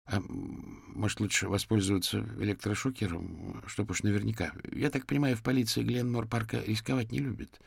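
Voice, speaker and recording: A man's voice: fairly low pitch, fairly even intonation, brisk, vocal fry, few pauses, slightly rough, no echo, studio quality, pitched above the performer's own voice, full character voice. A man voicing an over-eager police officer who hesitates and stammers as he offers help. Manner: hesitant, stammering, overly helpful.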